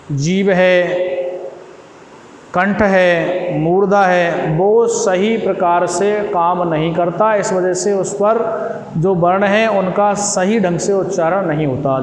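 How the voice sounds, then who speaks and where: Slow, high-voiced man teaching in an echoey room. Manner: slow, drawn-out syllables and repetition. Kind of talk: classroom lesson. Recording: echoey room with faint hum.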